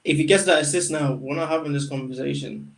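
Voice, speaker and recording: Brief: male podcast co-host, higher voice, slangy and blunt, slightly off-mic. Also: quick pace, gravelly, recorded from a distance, low-quality recording. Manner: direct, argumentative, with casual slang. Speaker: podcast co-host, Liverpool fan. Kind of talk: casual football chat.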